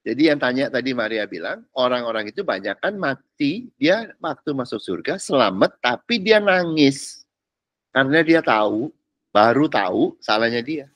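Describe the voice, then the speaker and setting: Male pastor, touches, casual teaching, animated pitch, dry close sound. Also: moderate pace, no room sound. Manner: chatty, slangy, asks listeners if they follow.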